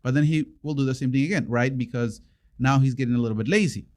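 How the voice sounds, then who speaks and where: A man with a non-native English accent, co-hosting a casual podcast chat as a parent, joking and animated with frequent restarts. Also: medium pitch, quick pace. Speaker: podcast co-host.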